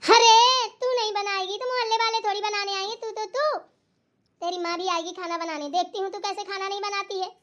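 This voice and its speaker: A bossy old mother-in-law who scolds in a shrill, nagging cartoon voice, put on by a woman. She has a Bundelkhandi accent and speaks very high. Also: fairly even intonation, brisk, a bit bright. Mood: scolding, shrill. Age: older. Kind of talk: cartoon voice acting.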